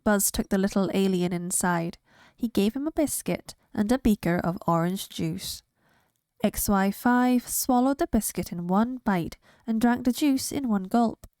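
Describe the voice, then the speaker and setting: Lady reading a kids' book out loud, really slow and clear, dry close sound. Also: medium pitch, dry recording. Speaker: reader. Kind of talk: reading a children's picture book aloud.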